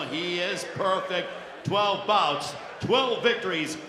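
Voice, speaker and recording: A man working as a boxing ring announcer, giving formal, theatrical introductions with drawn-out, shouted names. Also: on the high side. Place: large indoor boxing arena. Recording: echoey arena PA with loud crowd noise.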